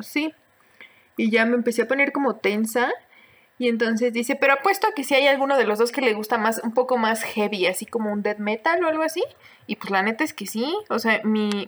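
A young Mexican woman with a fairly high voice tells a strange personal story in a casual podcast chat. She laughs often and drops plenty of slang as she goes. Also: fairly bright tone. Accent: Mexican Spanish. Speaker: podcast co-host.

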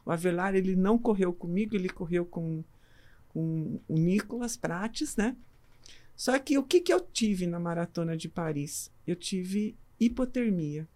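A Brazilian woman in middle age talks with a mellow, relaxed tone. She tells her story casually and animatedly, acting out the quoted back-and-forth in her own voice. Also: on the low side, unhurried. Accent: Brazilian Portuguese. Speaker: physician guest, amateur runner.

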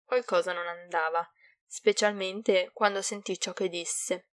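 A woman narrating a fan fiction story aloud in a steady, even reading voice. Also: fairly low pitch, a little slow, no echo, studio quality.

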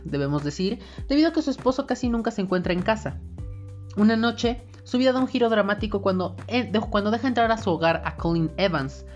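A woman host presenting recommendations in a semi-scripted, chatty and emphatic way, with informal asides. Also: medium pitch. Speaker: host recommending movies and series. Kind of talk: casual scripted review, listing recommendations. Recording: dull lo-fi audio with background music. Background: music.

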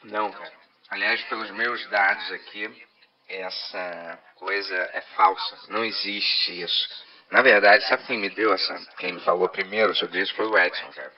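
A man's voice: low voice, fairly even intonation, normal speed, muffled recording. A Brazilian man co-hosting a podcast with a half-robotic voice filter, bantering playfully and pretending to be a machine. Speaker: podcast co-host. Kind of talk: casual jokey banter. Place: podcast studio.

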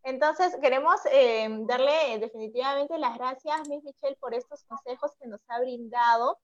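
A woman hosting an online English lesson program, explaining slowly and repeating the key points for viewers. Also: sits high, muffled recording.

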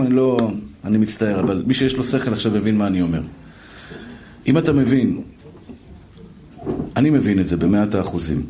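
A man's voice: fairly low pitch, warm tone, slight background noise. A middle-aged man, a rabbi, preaching a sermon and telling stories with voiced quotes and repetition.

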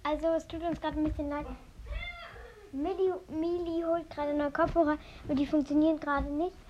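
A woman's voice: high-pitched, level tone, brisk, highs cut off. A young girl hosting a casual show, chatting informally to her listeners. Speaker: host of a kids' challenge show. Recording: noisy home recording with clicks.

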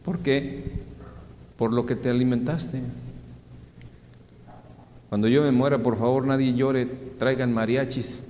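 A man preaches, pitching questions at his listeners and answering them himself. He jumps between high, loud exclamations and low, quiet asides at a mid pitch. His voice hangs in a long reverb over faint room ambience. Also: slight background noise. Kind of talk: sermon.

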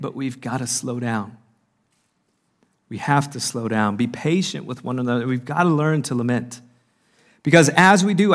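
An earnest man giving a sermon at a marriage conference, slowing down to stress key lines. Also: a little high. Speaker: conference speaker. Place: conference hall.

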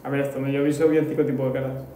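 A man's voice: medium pitch, level tone, very fast, dark tone, far from the mic, slight background noise. A man in casual podcast chat, explaining things at length and searching for words. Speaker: podcast co-host. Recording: very echoey room.

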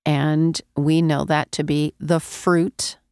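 A woman preaches on the radio in a low, gravelly voice, nasal and stuffed up from a cold. Her delivery is earnest and emphatic, with repeated key phrases. The sound is close and dry. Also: level tone, slow pace, darkish tone, no echo. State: congested, getting over a cold. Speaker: radio preacher and show host. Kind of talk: radio sermon.

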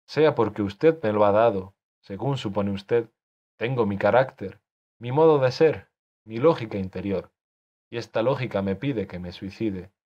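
A man's voice: lowish voice, a little mellow, close to an everyday voice. A man reading an audiobook, voicing an anxious young man who pleads with and defies his author. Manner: pleading, agitated. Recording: dull lo-fi recording.

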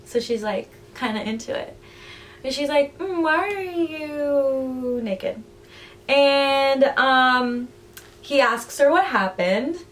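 A woman's voice: medium pitch, a little hiss or hum. Chatty young woman retelling a story. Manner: chatty, animated storyteller who acts out quotes. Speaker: podcast co-host. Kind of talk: casual chat, retelling a book plot.

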